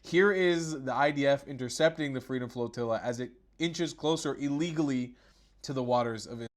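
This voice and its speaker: A man at an ordinary mid pitch runs his own commentary channel. He mocks what he shows, breaks into laughter and curses loosely, like a host riffing for his regulars. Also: brisk. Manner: sarcastic, laughing, swearing. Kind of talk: casual mocking commentary.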